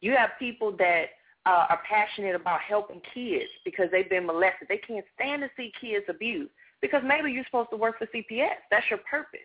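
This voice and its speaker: A woman who owns a natural hair business gives motivational, somewhat preachy advice about purpose as a guest on a radio interview. Her voice is medium-pitched with a breathy edge, and she talks a little fast over a tinny phone line.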